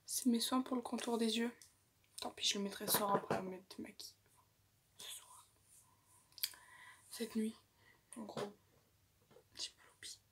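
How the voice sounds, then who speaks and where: A woman's voice: on the high side, fairly even intonation, a little slow, pauses often, slight background noise. A woman beauty vlogger chatting through a casual makeup tutorial, often half-whispering and drifting into rambling asides, recorded on a phone. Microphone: phone camera.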